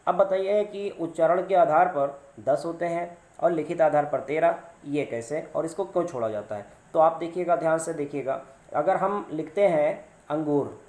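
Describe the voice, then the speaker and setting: A man's voice: fairly high pitch, darkish tone. A man teaching a grammar lesson on video, patiently repeating examples and asking his viewers rhetorical questions. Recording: roomy echo.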